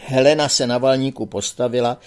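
A man narrating an audiobook in a calm, steady reading voice. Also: medium pitch, smooth.

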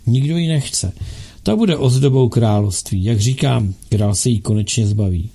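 A man's voice: mid-range voice, expressive, gravelly, mellow, husky. A man voicing a bold, playful young noble girl who teases in a pert way. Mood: teasing. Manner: pert, teasing.

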